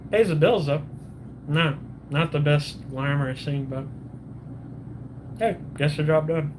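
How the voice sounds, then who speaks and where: A man on a casual morning livestream, talking over his coffee with a slightly high voice. He rambles, doubles back and restarts his sentences while greeting viewers by name. A clear layer of room noise sits under everything. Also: measured pace. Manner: rambling, loses his train of thought, restarts often. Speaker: livestream host.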